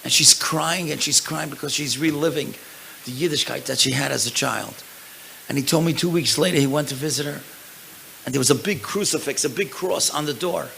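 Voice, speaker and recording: Male rabbi lecturer, gravelly, animated storyteller, faint hiss behind. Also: on the high side, a little fast, poor audio. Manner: animated storyteller, acts out the people in his stories. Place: synagogue event hall.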